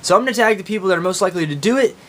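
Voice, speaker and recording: A man with an Oklahoma accent chatting casually and informally as a video blogger. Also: rapid-fire. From Oklahoma, United States. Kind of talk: casual chat to camera, answering accent tag questions. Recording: steady background noise with low rumble.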